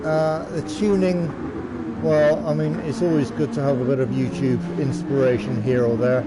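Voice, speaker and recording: A man's voice: fairly high pitch, little pitch movement, moderate pace. A man giving casual live commentary on an online car race, hesitant and rambling, often repeating his phrases. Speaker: commentator of an online sim racing league. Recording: loud engine and car noise. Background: racing car noise.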